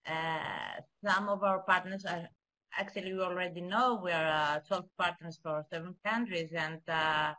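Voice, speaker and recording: Woman, bad video-call connection, somewhat low voice, hesitant with many fillers, webinar presenter. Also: fairly even intonation, normal speed, bright, forceful tone. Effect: poor video-call connection. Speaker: project partner presenting.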